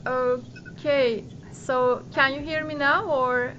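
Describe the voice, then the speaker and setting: A woman's voice: high-pitched, fairly even intonation, slow pace, pushed and bright, a little hiss or hum. A young woman, a student politely interviewing a guest over a video call, with some fillers. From Turkey. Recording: muffled call audio.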